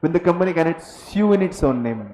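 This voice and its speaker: A man's voice: a little high, animated, drawn-out words, dark tone, echoey room, slight background noise, rough recording. A man teaching a commerce class, mixing Hindi and English and teasing his students. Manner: mixes Hindi and English, drills students to repeat words. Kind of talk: classroom lecture.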